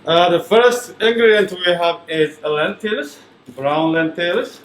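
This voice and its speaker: A man from Ethiopia, a chef, explaining a recipe with a hesitant manner and many pauses. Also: sits high. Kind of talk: cooking demonstration. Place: kitchen. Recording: echoey kitchen, faint background noise.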